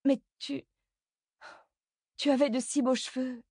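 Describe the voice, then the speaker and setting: A woman reading an audiobook voices an anxious, tearful mother who dodges questions, her voice pitched up and pleading. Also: little pitch movement, slow, warm tone, husky, no echo, clean studio sound, full character voice. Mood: shocked.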